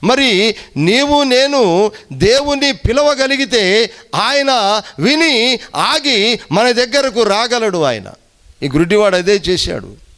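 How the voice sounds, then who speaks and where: A male pastor preaching emphatically, repeating phrases and swinging his voice between high rises and low drops. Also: big pitch swings, takes it slowly, pauses often, fairly bright tone. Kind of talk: sermon.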